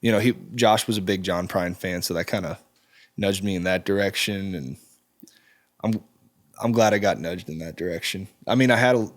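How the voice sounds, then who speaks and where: A man in his twenties, a musician guest, talking in a relaxed, halting way with frequent ums in a studio interview. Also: low voice. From Czech Republic. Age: 20s. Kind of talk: casual interview chat. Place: recording studio.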